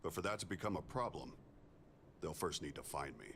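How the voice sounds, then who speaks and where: An actor playing a composed augmented male ex-soldier engineer in a video game, speaking in a measured, plainspoken way. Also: very deep voice, expressive, vocal fry, fairly bright tone, a little hiss or hum, full character voice. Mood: calm. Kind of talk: video game character dialogue.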